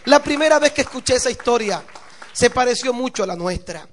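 A male pastor preaching a sermon, telling a story and then building to impassioned, shouted preaching. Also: extremely high pitch, lively intonation, brisk, slight background noise.

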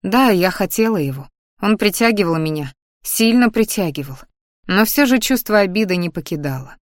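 A woman reading a romantic fantasy audiobook in the first person, at an even, measured pace. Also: mid-range voice, no echo, clean studio sound. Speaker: audiobook narrator.

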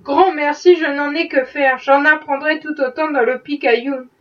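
A woman reading a novel aloud, voicing an ironic wealthy gentleman who is a worldly skeptic, with a dry, mocking manner. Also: sits high, steady tone, measured pace, far from the mic, muffled recording. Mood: wry. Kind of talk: audiobook reading.

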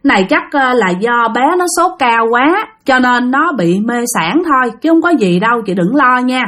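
A woman voicing a calm male doctor who speaks gently to soothe a worried mother. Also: fairly high pitch, moderate pace. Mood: reassuring.

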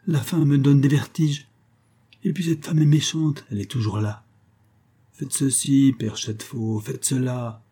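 A man's voice: mid-range voice, steady tone, a little slow, dark tone, breathy edge, voice pushed up. A man voicing an old miserly male beggar who whines about poverty and demands secrecy, for an audiobook. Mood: whining. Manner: whining, secretive, pleading poverty.

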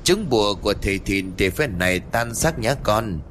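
A man voicing a brash, foul-mouthed young village man who shouts and taunts, in a spoken horror story. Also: lowish voice, lively intonation, moderate pace, slight background noise. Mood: taunting.

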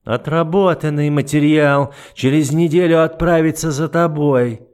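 A man's voice: fairly high pitch, steady tone, unhurried, darkish tone, clean tone, pitched above the performer's own voice, close to an everyday voice. A man voicing a cold, cruel, scheming duke in an audiobook, condescending and mocking. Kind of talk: audiobook character voice.

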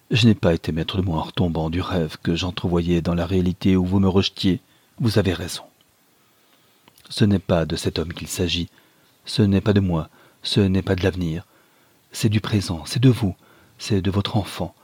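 A passionate young man speaks with vehement feeling, as a narrator voices him. His tone is deep and slightly husky. The sound is dry and close. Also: a little mellow, no room sound. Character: passionate young male lover.

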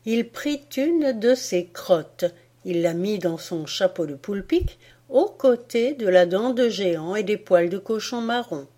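A woman reading a folk tale aloud as an audiobook, in an expressive storytelling manner. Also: mid-range voice, measured pace. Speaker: audiobook reader. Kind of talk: storytelling narration.

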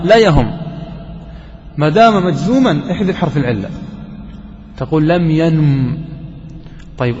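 A man's voice: a little high, darkish tone. A man teaching a grammar class, explaining each point step by step and checking with his students through questions. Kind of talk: classroom lesson. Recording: dull lo-fi recording with long reverb in a hall.

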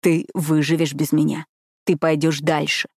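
A woman reading an audiobook, voicing a fierce, commanding young man who growls his words hoarsely through clenched teeth. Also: low voice, flat delivery, moderate pace, darkish tone, no room sound, studio quality. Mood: grim. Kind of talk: audiobook character voice.

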